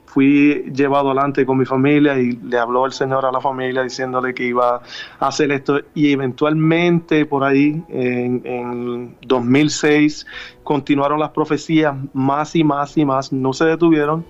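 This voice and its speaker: This thirty-something man from Puerto Rico, a gospel musician with a Puerto Rican Spanish accent, stumbles through a radio interview with plenty of fillers and restarts. His medium-pitched, smooth voice has a flat delivery, and the recording lacks high frequencies.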